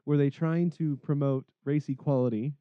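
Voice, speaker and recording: A man's voice: on the high side, steady tone, normal speed, smooth, dry recording, narrow, tinny audio. A man co-hosting a gaming podcast in casual chat, laughing often and reading listener questions. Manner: laughs often, reads listener tweets aloud. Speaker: podcast co-host.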